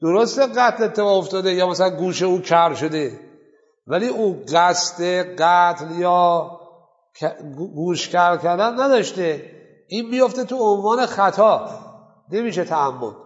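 A man's voice: high-pitched, animated, long reverb tail, highs cut off. A man teaching a seminary class on jurisprudence. He asks his students questions and then answers them himself. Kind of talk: Islamic jurisprudence class lecture.

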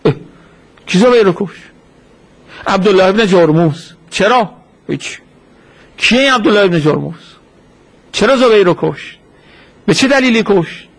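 A man's voice: high voice, pauses often. A man giving a sermon as a story, posing rhetorical questions and answering them himself. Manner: acts out quoted speech in a lively retelling. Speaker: preacher.

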